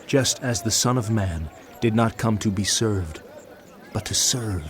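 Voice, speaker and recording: An actor playing Jesus, a calm, authoritative male teacher, speaking in a measured, solemn way in a dramatized Bible reading. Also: fairly low pitch. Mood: earnest. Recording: voice over music bed.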